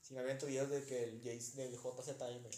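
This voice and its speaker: A young man from Mexico co-hosting a podcast, chatting in casual slangy banter with quick asides. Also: medium pitch, level tone, mellow. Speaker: podcast co-host. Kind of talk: casual chat. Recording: echoey room with faint noise.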